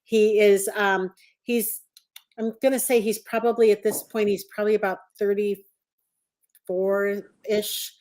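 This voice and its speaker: A woman's voice: mid-range voice, level tone, slow pace, a little mellow. A woman hosting a podcast over a video call, chatty and encouraging toward her guest. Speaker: podcast host. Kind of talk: conversational interview hosting.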